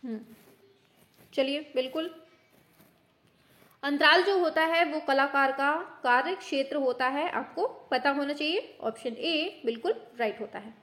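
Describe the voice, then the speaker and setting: A woman teacher running a quick quiz lesson, brisk and teasing, scolding her students in mock anger as if they were children. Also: sits high, a bit bright. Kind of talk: online exam-prep quiz lesson.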